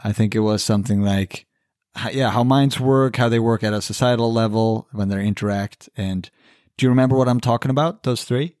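A man hosting a podcast in casual conversation, animated and loose, swearing casually. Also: fairly low pitch, a little fast, smooth, no echo, clean studio sound. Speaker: podcast host.

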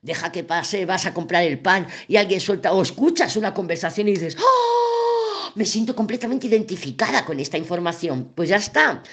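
Lively chatty woman. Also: on the low side, a little fast, few pauses. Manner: chatty and direct, trips over words, laughs at herself. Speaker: tarot reader. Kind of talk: casual daily tarot reading to camera.

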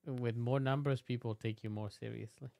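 A man's voice: mid-range voice, fairly even intonation, normal speed, vocal fry, dark tone, no room sound. A man hosting a podcast in a casual interview style, speaking in a reassuring, encouraging way. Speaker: podcast host.

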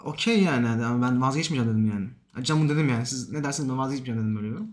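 A man's voice: mid-range voice, rapid-fire. A young man telling a personal story in casual chat, acting out what people said with lots of emotion. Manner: animated, emotional retelling with quoted dialogue. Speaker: podcast guest. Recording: echoey room.

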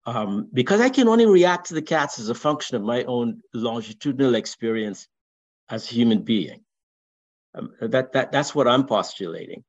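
An older man from Barbados with a Barbadian accent, talking in a casual discussion, with lots of repeated words and a wordy, deliberate manner. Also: medium pitch, expressive. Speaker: discussion participant. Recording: dull lo-fi sound.

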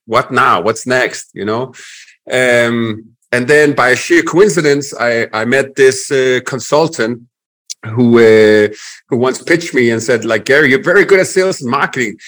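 A man in his forties from Denmark with a Danish accent, a guest telling his life story in a relaxed interview, with many pauses and restarts. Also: medium pitch. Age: 40s. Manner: frequent fillers and restarts, reflective.

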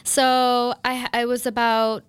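A woman's voice: a little high, flat delivery, slow pace, smooth, no room sound, studio quality. A woman in her thirties, a makeup artist and business owner, telling her story in a casual interview with many fillers and restarts.

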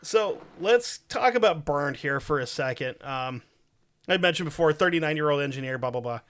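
A man's voice: a little high, lively intonation, normal speed, a bit bright. A man hosting a podcast, telling a true crime story in a crude, profane, joking way. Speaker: podcast host.

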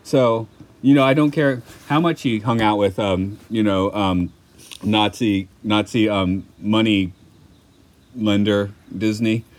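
A man's voice: on the low side, slow. A man co-hosting a podcast, rambling casually about a film, laughing often and swearing now and then.

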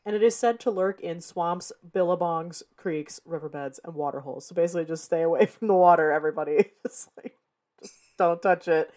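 A young American woman chatting on a podcast in a relaxed, lively way. Her voice sits a little low, and she laughs easily and swears casually. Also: a little fast. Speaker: podcast co-host.

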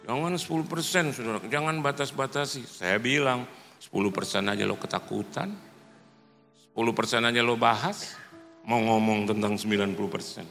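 A man's voice: on the low side, creaky, bright, forceful tone. A man pastor from Indonesia preaching a sermon, telling a story animatedly, acting out the voices of the people in it. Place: large church hall. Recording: reverberant church hall with music.

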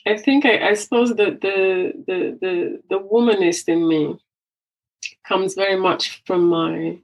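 A woman's voice: medium pitch, steady tone, a little slow, rough recording. A woman from Angola, a psychotherapist, speaking as an interview guest in a reflective way, with restarts along the way. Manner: reflective, with frequent restarts and soft laughs. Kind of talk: conversational interview.

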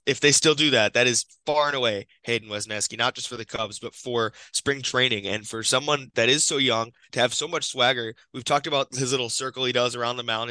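A man's voice: medium pitch, bright, forceful tone, dry recording, low-quality recording. A young man co-hosting a casual sports podcast, upbeat and steering the talk, in his morning voice. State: just woken up, morning voice. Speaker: podcast co-host.

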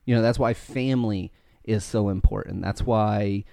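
A man co-hosting a faith podcast, talking fast and earnestly, often restarting his sentences. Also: fairly low pitch, steady tone, vocal fry, crowd noise. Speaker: podcast co-host. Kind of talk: casual faith podcast chat. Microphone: podcast mic.

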